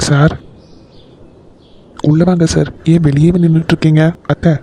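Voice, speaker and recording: A man's voice: fairly high pitch, flat delivery, normal speed, mellow. A man voicing a polite young son-in-law in a cartoon, urgently coaxing his in-law to come inside. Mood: earnest, coaxing. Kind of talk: Tamil cartoon voice acting.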